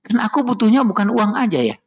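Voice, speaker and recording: A man voicing his teenage son, who quietly and earnestly questions his father during a mosque parenting talk. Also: high voice, very animated, fast talker, pitched above the performer's own voice, heavily acted. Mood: questioning.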